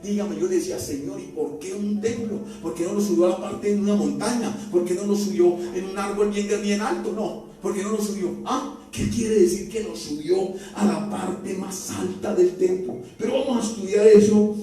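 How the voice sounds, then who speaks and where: A man's voice: high voice, steady tone, moderate pace, few pauses, mellow. A man preaching a sermon as pastor, talking conversationally and throwing rhetorical questions at his congregation. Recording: very echoey church hall from far off, faint music.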